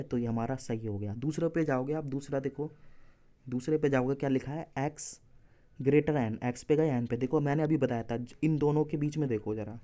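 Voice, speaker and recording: Mellow-voiced Hindi-speaking man teaching reasoning. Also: medium pitch. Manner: explains step by step, corrects himself mid-solution. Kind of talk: exam-prep lesson walking through answers.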